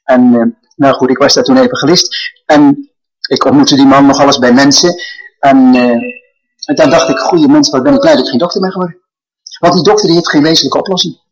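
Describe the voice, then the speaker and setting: A man's voice: medium pitch, steady tone, fast, breathy edge, rough recording. An older man preaching a sermon, telling stories earnestly and building to emphatic proclamations.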